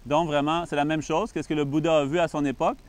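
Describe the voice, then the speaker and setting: A Buddhist monk from Canada, carrying a Québécois French accent, leads a calm and patient introductory meditation talk with many pauses. His pitch is a little high.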